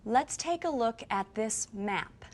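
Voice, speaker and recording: Brief: female teacher, clear drilled delivery, somewhat high voice, slow pacing. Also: expressive, darkish tone. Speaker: English teacher. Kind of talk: slow scripted English lesson.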